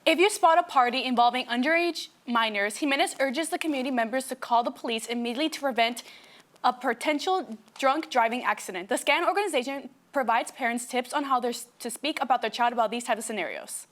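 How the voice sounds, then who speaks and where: A young woman with a notably high voice reads scripted news at a quick clip. She works as a student anchor on a mock newscast. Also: a bit bright.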